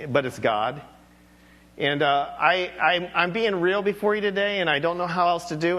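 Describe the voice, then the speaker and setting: A man's voice: a little high, fairly bright tone. A man preaching a sermon as pastor, talking candidly and rambling with self-deprecating asides.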